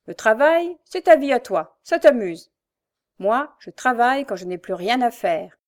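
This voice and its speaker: Female reader playing a loud swaggering brute of a brother, mocking, storybook. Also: on the high side, lively intonation, a little slow, voice pushed up. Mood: boastful. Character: brutal big lazy bully brother, man.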